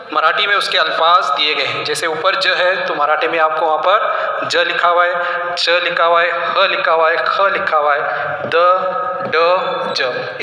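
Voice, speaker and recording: A man's voice: a little high, sharp tone. A man teaching an Urdu alphabet lesson in a patient way, asking questions and answering them himself. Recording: echoey room.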